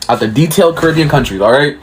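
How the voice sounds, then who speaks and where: A man hosts a reaction video in a chatty, casual way, talking straight to his viewers. His voice sits a little higher than most men's. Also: expressive, rapid-fire, slight background noise. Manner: chatty, addresses viewers as y'all. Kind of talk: casual explainer talk.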